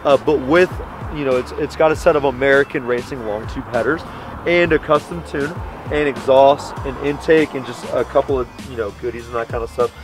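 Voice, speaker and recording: A man's voice: medium pitch, fairly quick, over music. A man chatting casually and technically as a car owner, mixing jargon with laid-back bro slang. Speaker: car owner interviewed about his build. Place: outdoors beside a car.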